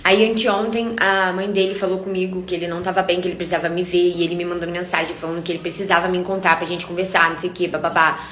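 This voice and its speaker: A woman's voice: on the low side, little pitch movement, very fast, few pauses, fairly bright tone. A young woman with a Brazilian accent, telling a personal story in a casual vlog, angry and emphatic, often repeating herself. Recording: echoey room.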